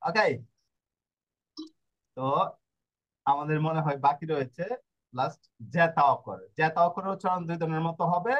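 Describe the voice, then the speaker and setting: Male tutor, slightly high pitch, patient syllable-by-syllable drilling, muffled low-fi sound. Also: moderate pace, pauses often. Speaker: language teacher. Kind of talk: explaining pronunciation lesson. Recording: dull lo-fi recording.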